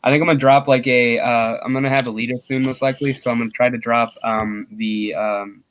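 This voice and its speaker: A man's voice: medium pitch, steady tone, fairly quick, a bit bright. Casting: young guy, livestream co-host, loose and rambling, mid-range voice. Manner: rambling, filler-heavy. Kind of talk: casual livestream chat.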